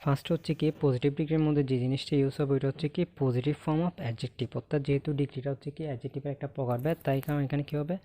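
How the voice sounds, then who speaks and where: Fast-talking Bangladeshi man teaching grammar. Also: mid-range voice, steady tone, mellow. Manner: asks the class questions and answers them himself; ends points with a checking "okay?". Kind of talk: recorded online lesson.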